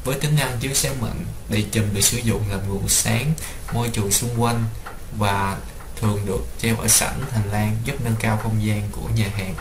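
A young man, a student, reading a class report aloud in a steady way. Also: lowish voice, moderate pace. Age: young adult. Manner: steady, read-aloud delivery. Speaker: student presenter. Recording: roomy with clear background noise.

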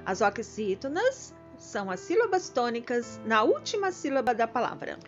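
A woman's voice: on the high side, very animated, normal speed, highs cut off, faint music behind. A woman teacher with a Brazilian accent, quizzing and praising a helper in a sing-song children's lesson.

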